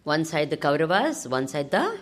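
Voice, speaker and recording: A woman with a South Indian accent giving an informal scripture discourse as a spiritual teacher, animated and often prompting her listeners with questions. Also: low-pitched, normal speed. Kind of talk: informal scripture discourse to a class, with Sanskrit verses.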